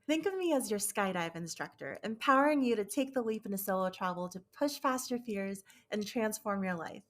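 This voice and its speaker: A woman from the Philippines reading her upbeat, emphatic podcast intro as the host. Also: medium pitch.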